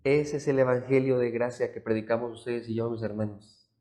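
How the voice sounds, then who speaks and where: A man, a pastor preaching a sermon with emphatic storytelling that drops to quiet, soft tones. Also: mid-range voice, steady tone, fairly quick. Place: church, streamed live.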